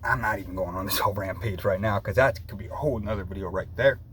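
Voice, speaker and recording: A man's voice: lowish voice, fast, fairly bright tone. A man chatting casually to viewers in a loose, rambling way, often repeating himself. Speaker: vlogger. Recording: noticeable background noise.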